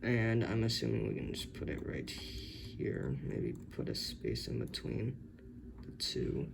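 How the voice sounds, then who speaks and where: Slow and sing-song, a hobbyist man with a lowish, gravelly voice narrates his circuit tinkering aloud, hesitating, unsure and correcting himself a lot. The noisy audio was recorded on a camera's built-in mic.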